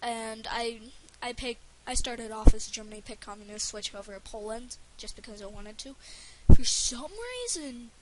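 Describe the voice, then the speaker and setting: A woman's voice: a little high, steady tone, normal speed, hardly any pauses, a crowd in the background, low-quality recording. A woman giving casual gameplay commentary for a let's play, rambling and stumbling over her words with lots of fillers. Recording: faint hiss under the voice.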